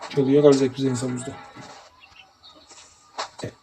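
A man's voice: mid-range voice, flat delivery, normal speed, mellow, rough recording. A man commentating his gameplay casually, grumbling and muttering to himself and his viewers. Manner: grumbling, talks to the game and viewers, mutters oaths. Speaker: gameplay streamer. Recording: game music playing behind.

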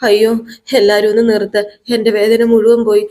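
A woman's voice: mid-range voice, flat delivery, brisk, dark tone, close to an everyday voice. A woman voicing a whining young woman who wails and groans about her back. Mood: wailing. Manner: wailing, groaning.

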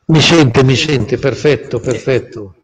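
A man speaking as a guest over a video call, his voice carrying a digital echo from audio feedback, loudly checking whether he can be heard. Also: medium pitch, takes it slowly, background noise. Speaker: guest on a live stream.

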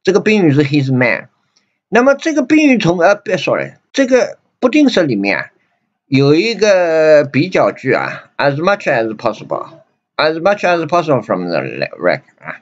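A man with a Chinese accent teaching an English grammar lesson, repeating himself and reading English lines slowly. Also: on the high side, huge pitch swings. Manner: repetitive, many fillers and restarts, reads English slowly. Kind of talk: grammar lesson explaining sentences. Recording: dull lo-fi recording.

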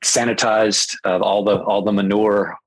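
A man with a husky, slightly breathy voice hosts a casual sports podcast. He talks in a chatty way and restarts his sentences often. The sound is dry and close. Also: lowish voice, level tone, a little slow, no echo, poor audio. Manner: chatty, many restarts and fillers. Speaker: podcast host.

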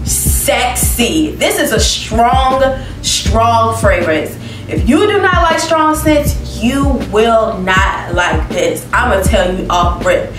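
A young woman's voice, on the high side and slow, comes from far off the mic as she casually reviews perfumes for the camera. A beauty vlogger, she reads descriptions aloud and responds expressively with laughs. She's in an indoor living room with plants, and the audio has roomy echo and music in the background.

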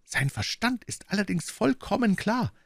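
A man's voice: high-pitched, sing-song, moderate pace, vocal fry, no echo, clean studio sound, voice pushed up, exaggerated voice. A man voicing an anxious, apologetic young male assistant with a flustered, pleading manner, in an audiobook reading.

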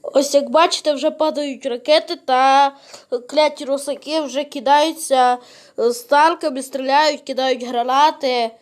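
A woman's voice: sits high, steady tone, moderate pace. A woman giving reaction commentary to viewers, hesitant and full of fillers. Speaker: video reactor.

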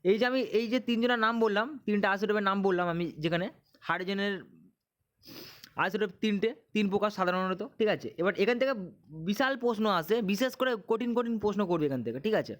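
Guy with a really high voice, teaching exam stuff, keeps repeating and asking questions. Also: quick pace. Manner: repetitive, drilling questions and answers. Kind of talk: exam-prep chemistry lesson.

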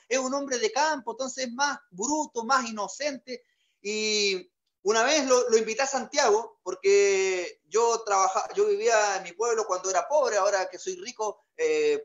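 A male comedian with a Chilean Magallanes accent, telling a comic story. His voice sits very high for a man, and he talks in a chatty way, full of crude slang and boastful jokes. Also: fairly bright tone, highs cut off.

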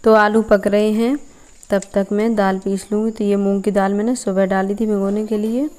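A woman's voice: medium pitch, level tone, moderate pace, a little mellow, a little hiss or hum. A young woman from Uttar Pradesh, India, explaining each step as she cooks in a rural courtyard. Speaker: village cooking vlogger. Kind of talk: casual cooking narration.

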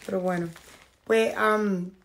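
A woman whose voice is going hoarse talks through a clothing haul at home, addressing her viewers directly in a chatty way. Her tone sits at a middle pitch with plenty of gravelly fry. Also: fairly even intonation, slow, a little hiss or hum. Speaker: fashion vlogger. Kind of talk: casual clothing haul unboxing. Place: at home, in a bathrobe.

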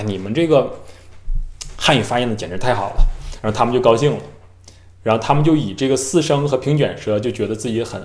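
A man who teaches Chinese, talking casually and mimicking how his students pronounce words. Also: mid-range voice. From mainland China. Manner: lively, imitates students' careful tones and slow syllables. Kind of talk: casual talk to camera. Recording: echoey room.

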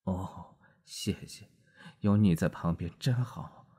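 A man voicing an exhausted, drunken middle-aged writer who talks slowly in a weary half-whisper. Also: low-pitched, mellow, husky, heavily acted.

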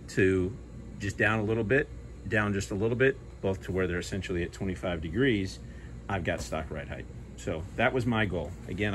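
A man's voice: deep voice, a little hiss or hum. A middle-aged man in casual narration of his work in a garage, thinking aloud as he explains each step. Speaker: hobby car restorer. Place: garage workshop.

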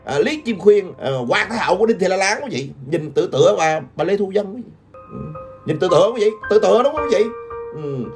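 A woman's voice: mid-range voice, lively intonation, fast talker, darkish tone. An older woman giving taunting gossip commentary, laughing often and constantly addressing her viewers. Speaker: gossip vlogger. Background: background music.

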